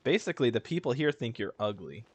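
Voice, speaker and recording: A game streamer talks fast in a medium-pitched, sing-song voice with a breathy edge. He gives casual, slangy commentary on a video game, reading its text aloud and tossing in joking asides, while faint game music plays in the background.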